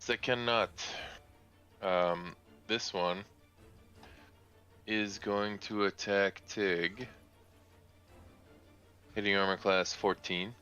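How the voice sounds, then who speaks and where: Deep slow guy dming over voice chat, kinda muffled lo-fi call audio. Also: fairly even intonation, bright, forceful tone, clear, resonant tone, soft background music. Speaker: dungeon master. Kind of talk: running a tabletop game over voice chat.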